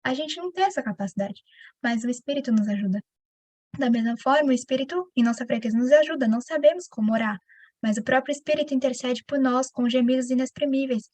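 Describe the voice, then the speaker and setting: A woman preacher, Brazilian Portuguese accent, gives an animated, conversational Bible lesson and keeps speaking directly to those listening. She talks fast in a high-pitched voice, recorded without echo.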